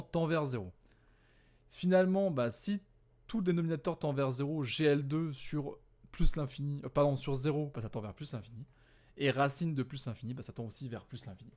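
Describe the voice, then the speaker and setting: A man walking through an exam answer key in a casual, conversational way, often correcting himself and filling pauses, tired from working late at night. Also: a little high, a little mellow. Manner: conversational, many fillers and self-corrections. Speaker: physics teacher.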